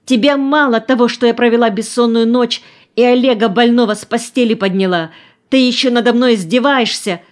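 Woman voicing a shrill, frantic young woman. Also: a little fast, natural voice. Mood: shrill scolding. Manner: shrill, scolding.

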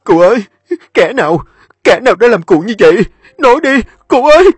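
A man voicing a panicked, loyal young male servant shouting for help. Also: high voice, expressive, takes it slowly, breathy edge, no echo, pitched above the performer's own voice, full character voice. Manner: frantic shouting.

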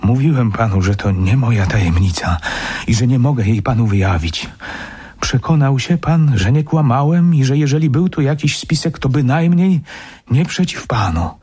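A man's voice: medium pitch, expressive, moderate pace, warm tone, breathy edge, pitched above the performer's own voice. A man voicing a fearful middle-aged butler in a radio reading, pleading and evasive. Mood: earnest.

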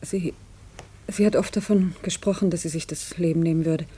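An actress playing a frightened woman witness in a 1950s radio drama, speaking in a breathy, faltering, near-whispered way. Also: on the low side, fairly even intonation, moderate pace, warm tone. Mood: fearful, hesitant.

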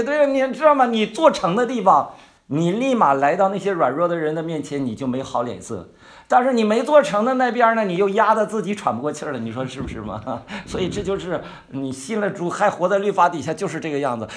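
A man giving a conversational Bible-study sermon. He asks his listeners questions and draws out key words slowly for emphasis. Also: high-pitched, animated. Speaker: pastor or Bible teacher.

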